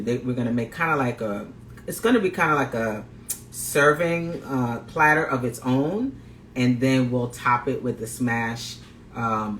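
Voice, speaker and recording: A Guyanese plant-based chef and health coach greets viewers of his live cooking demo in an upbeat way, repeating phrases as he goes. His voice is medium-pitched and fairly bright, recorded with roomy echo and faint background noise.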